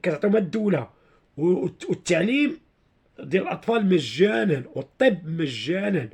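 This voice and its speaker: A man's voice: high voice, very animated, a little mellow, breathy edge. A man with a Moroccan accent giving informal explanatory commentary to his followers, repeating himself and searching for words. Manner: repetitive, halting, searching for words. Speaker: online video commentator.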